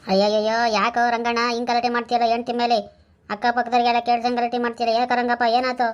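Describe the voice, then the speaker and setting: A village neighbor man, played by a woman in a comic skit, quick and high for a man. He chides and reasons earnestly, wagging a finger at a drunk's rowdiness. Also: completely flat delivery, natural voice. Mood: chiding. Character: reproachful male village neighbor.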